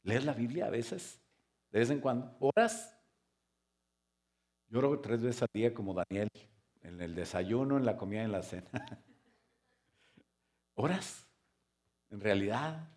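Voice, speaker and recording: A man preaching a sermon as pastor, firing rhetorical questions and joking asides, now loud and emphatic, now quiet. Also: medium pitch, lively intonation, normal speed, pauses often. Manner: swings between loud emphatic stress and soft quiet stretches.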